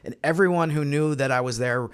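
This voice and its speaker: An American basketball panelist on a sports podcast explains things casually, hedging with asides during the roundtable. His voice is a little high, fairly quick, clear and resonant.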